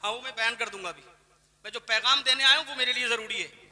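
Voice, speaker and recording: A man delivers a fiery sermon from an open-air stage, his voice very high and piercingly bright. He swings from shouted declarations to low, hurried asides. The sound carries a long echo from the loudspeakers. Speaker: Islamic preacher. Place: outdoor stage at a religious gathering.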